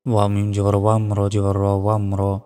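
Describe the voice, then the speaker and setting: Slow, dark-voiced Bangladeshi Quran teacher. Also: male voice, lowish voice, completely flat delivery. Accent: Bangladeshi Bengali. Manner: slow, measured teaching, spells each letter then chants the verse. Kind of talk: spelling out and chanting Quranic verses in a lesson. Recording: studio voice with long reverb and soft music.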